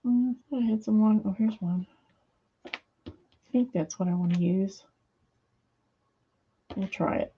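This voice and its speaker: A woman's voice: medium pitch, slow, pauses often, highs cut off, slight background noise. A middle-aged woman hosting a craft video from her home studio, chatting casually and rambling with many fillers as she sews. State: hands a little weak, fumbling.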